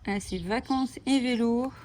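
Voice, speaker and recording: A woman's voice: a little high, measured pace, a little mellow, a little hiss or hum. A woman hosting a coloring channel, flipping through coloring books and chatting enthusiastically, with frequent fillers. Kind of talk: casual book flip-through. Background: bird chirping.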